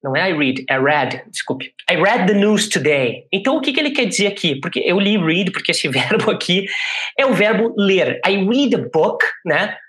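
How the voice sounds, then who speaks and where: A man's voice: sits high, very animated, fairly bright tone. Brazilian man teaching English casually. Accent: Brazilian Portuguese. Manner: spells out English phrases slowly and repeats them; chatty, frequent "né?" check-ins. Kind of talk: casual classroom explanation.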